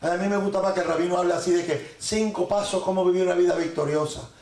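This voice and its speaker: Gravelly high-voiced preaching man, echoey room. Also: fairly even intonation, a little mellow. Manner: joking, corrects pronunciation with drawn-out repetition. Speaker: rabbi teaching a congregation. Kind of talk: sermon teaching.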